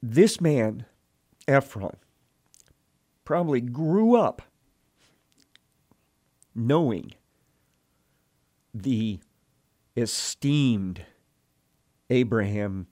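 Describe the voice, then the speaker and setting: A man's voice: medium pitch, animated, extremely slow, pauses often, a little mellow. A man teaching from the Bible, reading scripture and retelling it in earnest, emotional storytelling.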